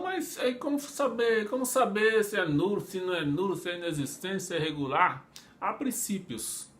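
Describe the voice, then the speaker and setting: A man's voice: on the high side, a bit bright. A man with a Brazilian Portuguese accent teaching a law class, talking conversationally, asking rhetorical questions and often adding tag questions. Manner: conversational, asks rhetorical questions, acts out imagined speakers; frequent tag questions and fillers. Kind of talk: online law lecture.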